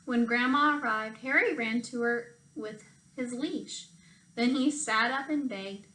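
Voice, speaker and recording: Bright, high-voiced woman reading a children's storybook. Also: measured pace, low-quality recording. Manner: expressive, emphasizes phrases for children. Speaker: storytime reader for children, teacher. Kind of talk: animated picture-book read-aloud.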